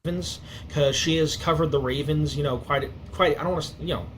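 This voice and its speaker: A higher-voiced man commentates on sports in a quick, rambling way, circling back and hedging as he goes. His s sounds whistle through his teeth, and there is some noise in the homemade recording. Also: steady tone, fairly bright tone, low-quality recording. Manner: long-winded, hedging, repetitive.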